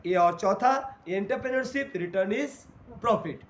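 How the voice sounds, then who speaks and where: A man's voice: high-pitched, a little slow. A man teaching a class in Hindi mixed with English terms, asking questions and answering them himself. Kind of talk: classroom lecture. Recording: echoey room, faint noise.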